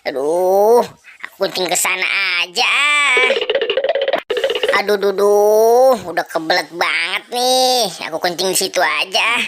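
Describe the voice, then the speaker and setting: A woman's voice: medium pitch, unhurried, long pauses, over loud music, natural voice. A woman voicing a cheerful, hungry boy in a comic kids' skit, with exaggerated groans and munching sounds. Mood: playful. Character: cheerful hungry boy Boboiboy in clown costume.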